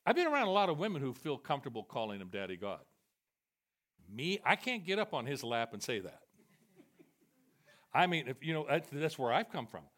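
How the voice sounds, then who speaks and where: A male preacher giving a sermon to a congregation, animated and self-deprecating, switching between loud emphatic bursts and quiet confessional asides. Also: mid-range voice, fairly quick, pauses often. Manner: animated and self-deprecating, quoting God and Jesus in a raised voice. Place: church, before a live congregation.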